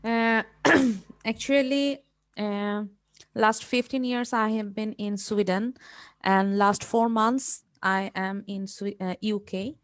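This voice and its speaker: A woman's voice: medium pitch, fairly even intonation, slow, no echo. A woman from Bangladesh, a student answering her tutor hesitantly on a video call. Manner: hesitant, many fillers. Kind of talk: class conversation.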